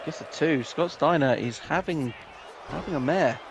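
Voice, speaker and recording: A man's voice: on the high side, moderate pace, vocal fry, a crowd in the background. A man doing casual, joking commentary on a wrestling video game, swearing and laughing often. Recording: noisy background hiss.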